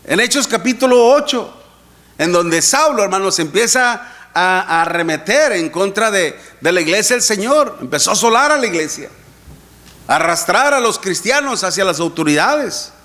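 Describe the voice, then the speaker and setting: A man with a fairly high voice preaches a sermon in church. He talks earnestly to the congregation, repeating his scripture references and calling them brothers. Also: lively intonation, normal speed, sharp tone.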